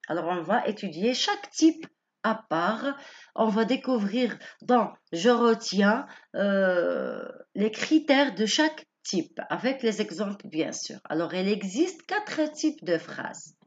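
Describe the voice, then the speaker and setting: A woman teacher gives a grammar lesson at an unhurried pace, her voice rising and falling in a lively way. She is patient and repeats each point in other words. The recording sounds dull and lo-fi. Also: medium pitch. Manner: patient, explains slowly with many rephrasings.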